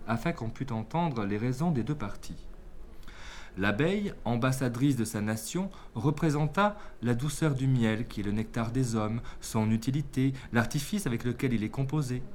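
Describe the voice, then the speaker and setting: A man's voice: mid-range voice, darkish tone, a little hiss or hum. Man reading classic fables aloud. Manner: measured, clear storytelling. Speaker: reader.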